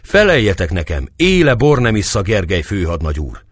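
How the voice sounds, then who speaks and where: A man's voice: fairly low pitch, wildly swooping pitch, a bit bright, slightly rough, dry recording, exaggerated voice. A wounded young woman hidden in soldier's clothes, urgent and commanding, her cries raised well above the storybook narration, as a male reader puts her on. The sound is dry and close, with no room around it. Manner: urgent pleading calls.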